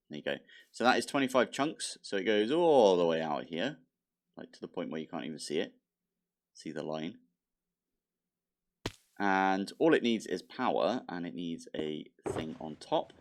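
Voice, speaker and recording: This modded Minecraft let's play host talks through his block-building game casually, mildly exasperated and a bit congested. He speaks in a low, very animated voice at normal speed, pausing often, with slight background noise.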